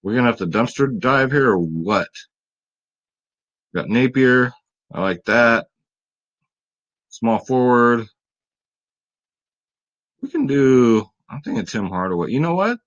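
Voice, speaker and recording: A man talks casually through a fantasy sports picks video, speaking straight to his viewers and hyping them up. He sounds tired late at night, with a voice at a middle pitch. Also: big pitch swings, takes it slowly, pauses often, fairly bright tone, dull audio. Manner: chatty, hype-building, talks straight to viewers.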